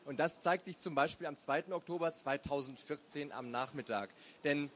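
A man narrating a story aloud in a measured, dramatic way. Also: medium pitch, a bit bright. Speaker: reader. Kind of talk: audiobook narration.

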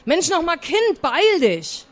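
A woman's voice: on the high side, big pitch swings, moderate pace. A woman reading aloud and voicing an impatient but kindly farm aunt, who calls out and scolds in a raised voice. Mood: calling.

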